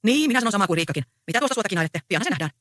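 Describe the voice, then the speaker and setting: Brief: a reader doing a mild older farmer smoothing a quarrel, bright and lively read. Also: mid-range voice, dry recording, clean studio sound. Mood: placating. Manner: placating, mild. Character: older peasant farmer, placating host.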